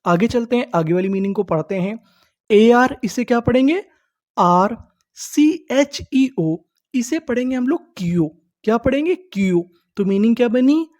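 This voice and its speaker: A male teacher gives a patient online reading lesson. He breaks each word into slow syllables and repeats them. He asks the class a question, then answers it himself. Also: extremely high pitch, expressive, darkish tone. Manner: sounds words out slowly, letter by letter.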